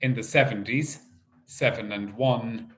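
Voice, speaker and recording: A man working as a bingo caller, calling out numbers in set phrases and repeating each in a measured, sing-song way. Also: mid-range voice, a bit bright, a little hiss or hum.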